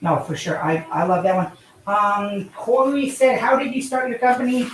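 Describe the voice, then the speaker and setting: Animated and a little high-pitched, a woman talks at normal speed as she hosts a casual livestream using an in-ear mic. She's chatty and loose with plenty of fillers; the echoey room audio carries slight background noise.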